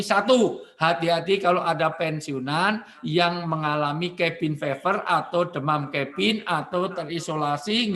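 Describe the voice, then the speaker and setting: Man from Indonesia, preacher, joking sermon, animated delivery, somewhat high voice, recorded at home. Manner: animated, joking, addresses listeners as Bapak Ibu. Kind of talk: humorous virtual sermon.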